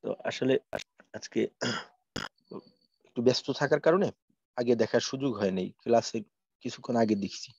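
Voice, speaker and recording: A man teaching Quran recitation in an online class, explaining patiently and slowly stretching out sample verses. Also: medium pitch, no room sound. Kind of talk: online tajweed lesson. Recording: dry, muffled lo-fi audio.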